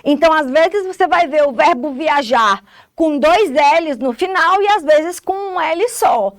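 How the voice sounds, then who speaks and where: A woman's voice: sits high, animated, measured pace, no echo, clean studio sound. A woman with a Brazilian Portuguese accent teaching an English lesson, explaining step by step and often checking that students follow. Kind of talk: recorded classroom lesson.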